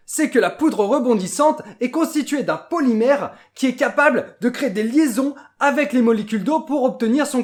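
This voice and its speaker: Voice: mid-range voice, close to an everyday voice. Un interprète qui prête sa voix à une joyeuse mascotte de laboratoire non humaine, à l'français, qui présente un jouet scientifique avec entrain. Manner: bubbly, exclamatory, instructional. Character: cheerful nonhuman lab mascot calling viewers humans. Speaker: toy demonstrator. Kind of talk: scripted toy presentation.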